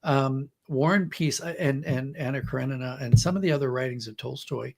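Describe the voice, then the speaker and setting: His mid-range voice is creaky and a little mellow, and he speaks fairly quickly. The speaker is a middle-aged or older writer on a podcast, reflecting on books through conversational storytelling and acted-out quotations.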